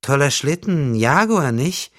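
A man's voice: big pitch swings, a little slow, fairly bright tone, dry recording, studio quality, full character voice. A man doing a cooing, teasing young street girl. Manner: breathy, cooing high falsetto.

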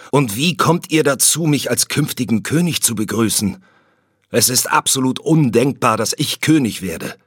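A man's voice: low-pitched, fairly bright tone, breathy edge, no echo, clean studio sound, full character voice. A man voicing Macbeth, a stern Scottish lord who speaks in an urgent, commanding way.

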